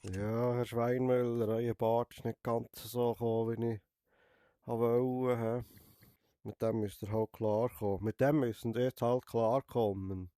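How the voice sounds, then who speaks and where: Streaming a VR barber game while sick with a cold, this young man with a Swiss German accent plays the barber with teasing humor, ending lines with a quizzical "hä?". His medium-pitched voice is level, mellow and a little slow, captured in a dry studio recording.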